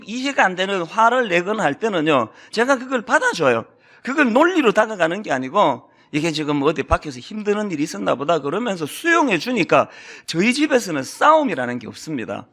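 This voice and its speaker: A middle-aged male senior pastor preaching a sermon in a church, telling stories with acted quotes and sudden hushed drops. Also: high-pitched. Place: church sanctuary.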